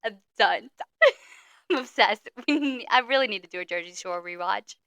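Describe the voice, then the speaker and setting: A young woman co-hosts a podcast in easygoing conversation and breaks into giggles often. Her voice sounds bright and forward, and the recording is dry with almost no room sound. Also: medium pitch, animated, no echo. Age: young adult. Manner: giggly, quick to laugh. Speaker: podcast co-host. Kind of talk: casual chat.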